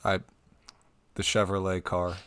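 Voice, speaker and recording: A man co-hosting a casual podcast, a little sick, tossing out deadpan jokes. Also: sits low, a little slow, smooth, no room sound. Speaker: podcast co-host. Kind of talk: casual chat.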